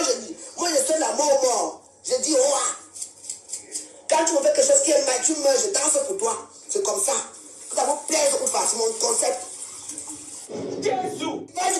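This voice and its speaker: Defiant high-voiced woman ranting. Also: darkish tone, far from the mic. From Cameroon. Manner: defiant, confrontational, repeats herself. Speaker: social media live streamer. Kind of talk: angry live-stream rant. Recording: echoey room, voice from off the mic, faint music.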